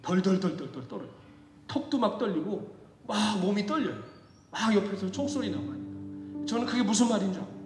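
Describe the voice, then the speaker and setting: A male pastor preaching a sermon, telling a story dramatically and swinging from hushed tones to shouting. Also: high voice, sing-song, a little fast. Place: church sanctuary. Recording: echoey hall with faint music.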